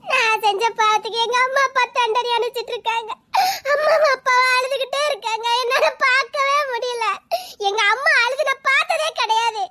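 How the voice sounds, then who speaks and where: A woman playing a sobbing, betrayed young student with a very high voice. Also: moderate pace, pushed and bright. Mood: tearful reproach. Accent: Tirunelveli Tamil. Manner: sobbing, accusing and reproachful. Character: young female student, heartbroken, betrayed and tearful. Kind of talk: Tamil melodrama acting.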